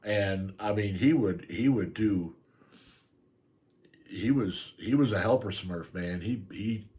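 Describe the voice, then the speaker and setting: A man's voice: lowish voice, slow, mellow. An older man telling a story on his channel in a casual, rambling way, often laughing as he goes. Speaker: vlogger.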